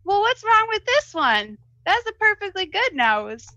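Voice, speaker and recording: A woman's voice: extremely high pitch, very animated, a little slow, sharp tone, no echo, muffled recording, voice pushed up, full character voice. A woman playing a free-spirited, brash adventurer with a slightly crackly voice and blunt, slangy talk.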